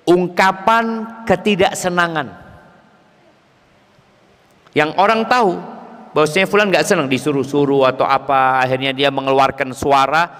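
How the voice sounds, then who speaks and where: High-voiced man preaching in a reverberant hall. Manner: lively, rising sharply for emphasis, addresses the congregation. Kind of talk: sermon.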